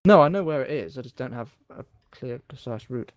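A man's voice: medium pitch, expressive, fairly quick, no echo. A man hosting a casual gaming session, playful and chatty, who drifts into song and silly voices. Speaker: let's play host. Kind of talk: casual chat while gaming.

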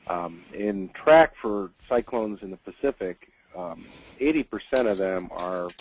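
A man's voice: on the low side, a little mellow, slight background noise, poor audio. A man presenting as a hurricane scientist in a webinar, explaining earnestly with frequent fillers over a computer mic.

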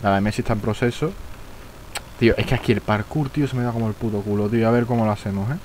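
A man's voice: on the low side, fairly even intonation, fast, a little mellow, a little hiss or hum, low-quality recording. Young man streaming a game. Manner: casual, swearing, frustrated outbursts. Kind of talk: live gameplay commentary.

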